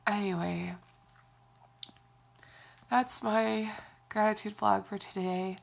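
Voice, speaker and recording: A young woman talks in a loose, rambling vlog, sighing often and filling gaps with "like" and "um." Her voice is scratchy and gravelly, and her stuffed nose leaves her short of breath. Her pitch sits in the middle. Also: measured pace, long pauses, a bit bright. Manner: rambling, sighing, with frequent fillers. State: congested and scratchy-voiced from a cold. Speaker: vlogger. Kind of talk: casual vlog talk.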